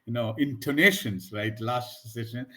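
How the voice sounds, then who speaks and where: A man's voice: mid-range voice, normal speed, slight background noise. A man teaching spoken in a casual conversational lesson, acting out example phrases in different tones. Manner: animated, acts out example phrases with varied tones. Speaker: English teacher.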